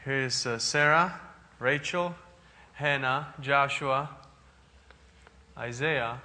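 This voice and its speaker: A man's voice: mid-range voice, slow, bright, forceful tone, in a large hall. A man from the Czech Republic with a Czech accent, a visiting missionary addressing a church congregation earnestly, with many fillers and restarts.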